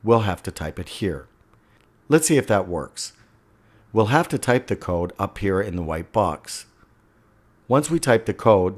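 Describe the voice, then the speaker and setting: A man narrating a step-by-step software tutorial as an instructor, a voice-over for a screen recording. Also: deep voice.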